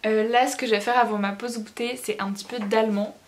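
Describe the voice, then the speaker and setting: A young woman of eighteen chats through her study session for viewers. Her voice sits a little high, and she talks in a relaxed way, with fillers and quick asides. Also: slight background noise. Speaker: student vlogger. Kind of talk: casual study vlog chat.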